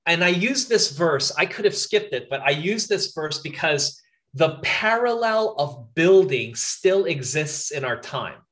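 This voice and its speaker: A man's voice: a little high, animated, unhurried, fairly bright tone. A man preaching a sermon at an outdoor camp meeting, earnest and emphatic, often repeating phrases and asking listeners to stop and think.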